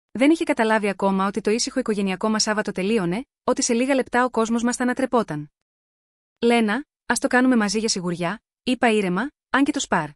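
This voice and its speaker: A woman reading a first-person story aloud as scripted narration, measured and even. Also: fairly high pitch, no echo, studio quality.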